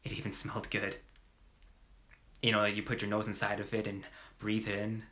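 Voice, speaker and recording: A young slacker-turned-dealer, remorseful and unsure, played by a man in a monologue. He talks in halting, slangy bursts with lots of "like" and restarts. His voice sits low, with a bright, tense edge. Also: monotone. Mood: earnest. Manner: hesitant, slangy, full of fillers and restarts. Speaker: actor. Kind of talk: dramatic monologue performance.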